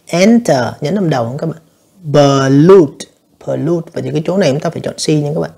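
An English teacher runs an exam review, explaining answers step by step and repeatedly addressing his students, with frequent fillers. His voice is on the high side, warm, slightly rough and creaky, and he talks very fast.

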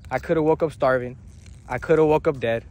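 A nineteen-year-old vlogger films a casual selfie video outdoors by the water and on a jet ski, holding his phone camera at arm's length. He talks fairly quickly in a mid-range voice, hyped, slangy and motivational, while loud wind and engine noise fill the recording.

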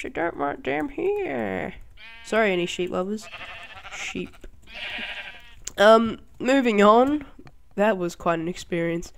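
A channel host giving casual commentary in a game tutorial, excitable and quick to laugh and exclaim, rambling along with fillers. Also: mid-range voice, clean tone.

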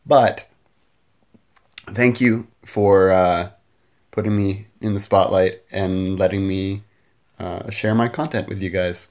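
A man's voice: fairly low pitch, a little mellow. A man talking casually to his camera late at night in a rambling way, full of fillers and self-deprecating asides. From Canada. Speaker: vlogger. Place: home at night. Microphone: camera mic.

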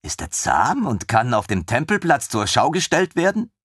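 A man voicing an eager, naive young male lieutenant in a fantasy audiobook, talking in an excitable, pompous way. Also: medium pitch, normal speed, breathy edge, no room sound, studio quality, pitched above the performer's own voice, full character voice. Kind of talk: audiobook character voice.

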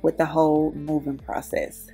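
A woman's voice: low-pitched, level tone, normal speed, gravelly, over music. A woman, chatting to viewers in a voice-over as she cleans her home. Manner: chatty, addresses viewers as y'all. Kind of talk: casual voice-over narration.

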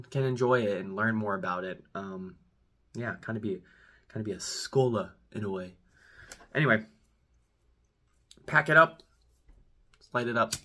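A man's voice: on the low side, bright, forceful tone. A man in his twenties chatting casually to camera as he gives a review, laid-back, rambling and slangy. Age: 20s. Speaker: pipe tobacco reviewer, video host. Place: small room at home.

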